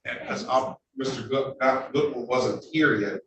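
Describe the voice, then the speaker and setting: A man presiding as a judge, speaking briskly and firmly, cutting people off to keep proceedings moving, in a courtroom recording. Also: medium pitch. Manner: brisk and firm, cuts people off. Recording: echoey courtroom audio from a distant mic, noisy.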